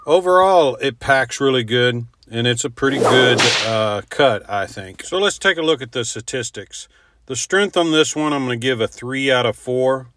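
An American man in his fifties giving a casual, halting voice-over description of a product. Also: mid-range voice, animated, fairly bright tone, a little hiss or hum. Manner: halting, informal. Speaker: host of a pipe tobacco review show.

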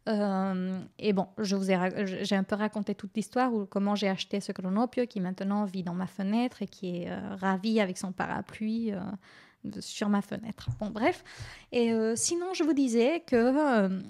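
Soft-spoken woman radio host. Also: medium pitch, fairly even intonation, normal speed, vocal fry. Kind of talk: reading a children's story on air. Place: radio studio.

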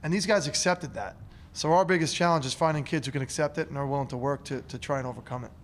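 Earnest coach at a postgame press table. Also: male voice, on the high side, fast talker, slight background noise. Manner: earnest, emotional, repeats words as he speaks. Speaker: head coach. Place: press room in front of a curtain. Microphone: table mic on a stand.

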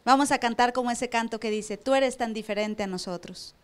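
Lady pastor, high voice, preaching at church, lots of questions to the crowd. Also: a little fast, smooth. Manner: preaches with rhetorical questions, acts out church members. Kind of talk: sermon. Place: church service.

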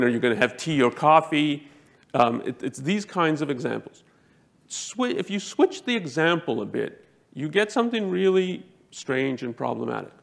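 A man giving a lecture to a live audience, talking emphatically, jumping up in pitch to stress points and often restarting his sentences. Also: gravelly. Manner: self-correcting, frequent restarts.

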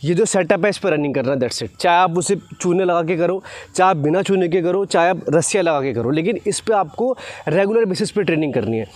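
With a high voice, lively intonation and a slightly fast, slightly mellow delivery, a twenty-something presenter coaches fast-bowling technique to camera. He keeps checking in with tag questions; the lapel mic on the open grassy ground gives a dry recording.

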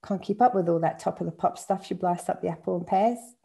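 A woman's voice: on the low side, creaky, mellow. Woman doing a chummy Cockney cabbie. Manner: chummy, slow, rhyming slang. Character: jovial Cockney cabbie, chatty, rhyming slang.

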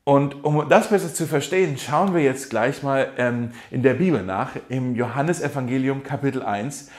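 A man preaching a sermon in a lively, animated way, acting out quotes and laughing now and then. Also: mid-range voice, moderate pace. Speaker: pastor.

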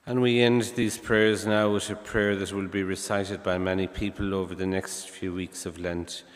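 A man, a priest, leading funeral Mass prayers at the altar in a calm, measured way with conversational asides. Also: low-pitched. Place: large church, at the altar. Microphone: far camera, church PA. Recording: long church reverb.

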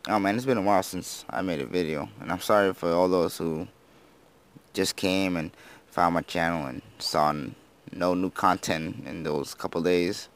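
Low-voiced teenage boy gaming vlogger. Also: normal speed. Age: teens. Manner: rambling, self-deprecating, slurs words. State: just woken up. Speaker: gaming YouTuber. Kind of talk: casual gameplay commentary.

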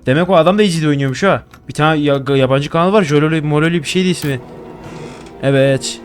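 A man's voice: a little high, fast talker. A young man commenting on a horror game he plays at home. He gets jumpy, swears a lot and chats to the objects he finds. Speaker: gaming YouTuber. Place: home room.

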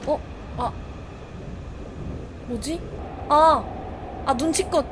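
A woman's voice: sits high, extremely slow, background noise. A woman streaming a horror game live, chatting to viewers and shrieking when startled. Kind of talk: live gameplay commentary.

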